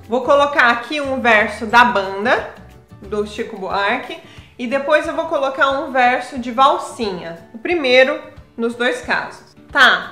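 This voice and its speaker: High-voiced woman teaching poetry rhythm. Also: fairly bright tone, echoey room. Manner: explains patiently, pointing at verses on screen; enthusiastic about the verses. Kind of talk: casual video lesson.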